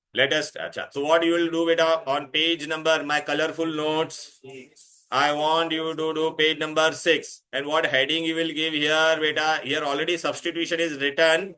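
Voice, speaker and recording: In a rough recording, a man with an Indian accent teaches chemistry at a moderate pace, his slightly high voice bright, level, and forceful. He asks students questions, repeats himself insistently, and drops Hindi words into his English.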